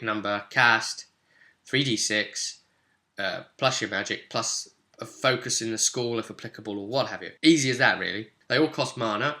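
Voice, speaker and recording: A tabletop game guide presenter gives a casual, chatty tutorial in a medium-pitched, sharp-toned male voice. He's emphatic and conversational, often tacking on tag questions.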